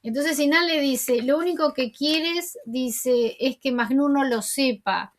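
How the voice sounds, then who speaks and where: A woman's voice: sits high, slow pace, slight background noise. A woman host casually retelling a TV episode, chatty and conversational, with frequent asides. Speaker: TV series recap host.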